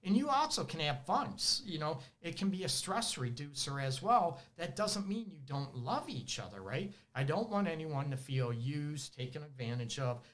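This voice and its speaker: Detroit guy giving relationship advice, lively, laughs a bunch, acts out his clients. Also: fairly high pitch, moderate pace, hardly any pauses. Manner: animated, laughs often, acts out clients' voices. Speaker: relationship counselor and show host. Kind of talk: casual advice monologue. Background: dogs barking at times.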